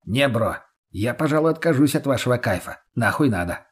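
A man voicing a crude young drifter who swears and sneers, in a husky voice. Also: medium pitch, expressive, a little fast. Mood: mocking.

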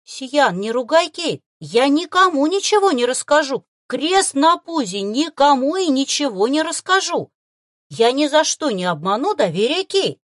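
An eager, loyal young boy gushes in breathless squeals, as a woman narrator acts him out. The voice rides high with wildly lively pitch. The recording is close and dry. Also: measured pace, no room sound, full character voice. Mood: excited.

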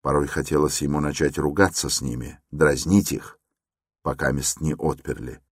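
A man narrating a literary audiobook in a measured, tense storytelling manner. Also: extremely low pitch, steady tone, dry recording, clean studio sound.

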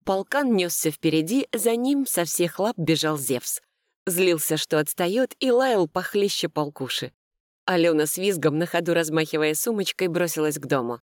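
A woman narrating a first-person romantic comedy audiobook with a lively, expressive reading. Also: fairly low pitch, normal speed, no room sound, clean studio sound.

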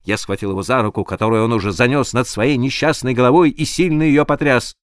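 A man reading a literary audiobook aloud in a dramatic, expressive way, sometimes dropping to a hush. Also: medium pitch, fast, no room sound, clean studio sound. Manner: expressive, dramatic reading with sudden hushed drops. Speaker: audiobook narrator.

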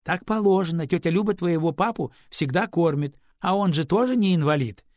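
A man's voice: high voice, expressive, a little fast, a little mellow, no room sound, studio quality, pitched above the performer's own voice. A man voicing a rude, pushy teenage girl in an audiobook, cheeky and pert. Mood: eager. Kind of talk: audiobook character voice.

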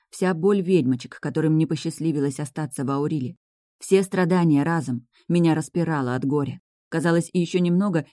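Low, mellow female audiobook narrator, dry close sound, first-person storytelling. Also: no echo.

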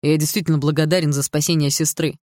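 A woman's voice: low-pitched, little pitch movement, fast talker, darkish tone, dry recording, studio quality, close to an everyday voice. A woman voicing a cocky, hot-tempered teenage boy in an audiobook, swaggering and mocking.

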